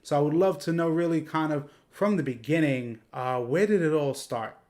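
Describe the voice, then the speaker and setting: A man's voice: fairly high pitch, moderate pace, a little mellow. A man hosting a podcast interview, rambling through long questions full of fillers. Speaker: podcast host.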